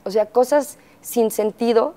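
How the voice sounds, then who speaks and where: A middle-aged woman with a Mexican accent telling her story as an interview guest, pausing often with fillers and acting out quotes. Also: fairly high pitch, mellow. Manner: halting, frequent fillers, acts out quotes. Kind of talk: candid interview testimony.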